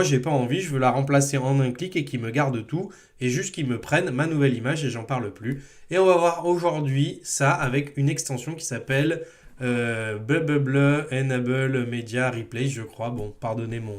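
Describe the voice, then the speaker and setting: Chatty French man giving a software tutorial. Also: medium pitch. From France. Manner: chatty and informal, many fillers, jokes about own accent. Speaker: WordPress trainer. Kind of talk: screen-recorded software tutorial.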